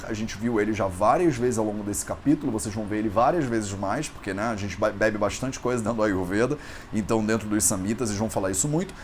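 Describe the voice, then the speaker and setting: A man with a Brazilian Portuguese accent teaching an online lesson, patiently repeating words slowly to show how they are pronounced. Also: mid-range voice, a little hiss or hum. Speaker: Ayurveda and Sanskrit teacher.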